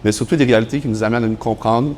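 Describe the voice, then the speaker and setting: Fast-talking young Quebec groom reading vows. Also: male voice, mid-range voice, steady tone, a little mellow, slight background noise. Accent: Quebec French. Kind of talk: prepared wedding vows speech. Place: wedding ceremony.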